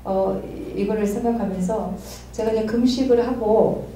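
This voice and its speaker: Middle-aged woman, candid testimony with frequent laughs; mellow tone, distant mic in a very echoey room. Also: fairly high pitch, steady tone, moderate pace, a little hiss or hum. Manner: candid, laughs often while telling. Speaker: study group member. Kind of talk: personal testimony sharing.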